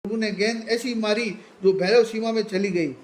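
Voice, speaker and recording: A man tells a devotional legend in a high-pitched voice. He narrates reverently and gives the characters' pleas and replies in his own voice. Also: steady tone, normal speed. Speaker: storyteller.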